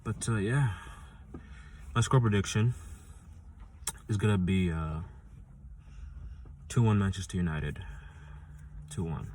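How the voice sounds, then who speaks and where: Deep-voiced man rambling through his picks. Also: slow pace, long pauses, darkish tone, slight background noise. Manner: rambling, frequent restarts and fillers; insistent, repeats points for emphasis. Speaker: football fan channel host. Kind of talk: casual fan prediction vlog.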